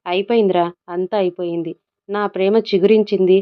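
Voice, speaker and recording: A woman's voice: medium pitch, steady tone, a little fast, phone-quality sound, natural voice. A woman voicing a lovesick young man in an audio story, self-pitying and whining through held-back tears. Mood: despairing. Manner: whining, tearful.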